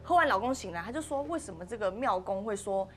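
A woman's voice: medium pitch, fast, soft background music. A woman with a Taiwanese Mandarin accent, a podcast host telling a ghost story casually and acting out the characters' lines. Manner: animated, acts out the characters' lines.

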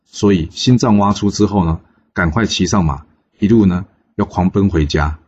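A man telling a folk legend in a lively, chatty way. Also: low voice, moderate pace, slightly rough, dull audio. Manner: lively, chatty, with many filler particles. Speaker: storyteller. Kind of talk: oral storytelling of a folk legend.

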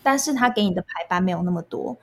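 A woman's voice: on the low side, expressive, quick pace. Young Taiwanese-accented woman, casual and candid. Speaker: guest recounting past jobs. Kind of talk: casual conversational storytelling.

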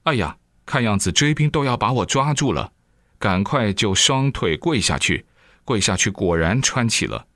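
Male preacher, lively storyteller, exclamatory, lowish voice, dry sound. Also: moderate pace, dry recording. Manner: animated storyteller with frequent exclamations. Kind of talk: storytelling dharma talk.

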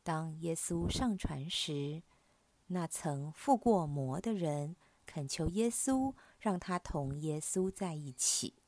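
A woman hosting a prayer program, reading scripture in a measured, solemn way. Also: sits low, expressive, darkish tone, no echo.

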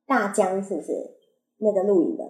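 A woman's voice: mid-range voice, brisk, a little mellow. A woman with a Taiwanese Mandarin accent and slightly unclear articulation from wearing braces, hosting a casual solo podcast in a rambling, playful, self-correcting way. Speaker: podcast host. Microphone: compact condenser microphone plugged into a phone. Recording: roomy, echoey sound on a compact microphone.

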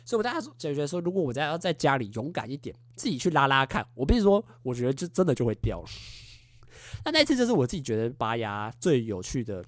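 A man in his twenties hosting a podcast, telling a story in a casual, animated way and acting out what people said with little sound effects. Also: mid-range voice, quick pace, no room sound. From Taiwan. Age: 20s. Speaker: podcast host.

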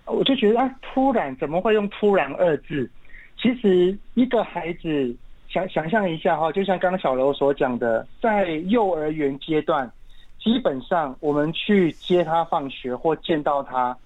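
Taiwanese-accented man, parenting expert guest, steady and earnest, slightly muffled recording. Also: on the high side, moderate pace. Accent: Taiwanese Mandarin. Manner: calm, earnest explaining with everyday examples. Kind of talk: casual podcast interview. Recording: muffled lo-fi sound.

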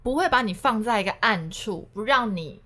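A woman's voice: mid-range voice, lively intonation, fairly quick, fairly bright tone. A woman hosting a casual chat, reflecting aloud and asking her guest questions. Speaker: host.

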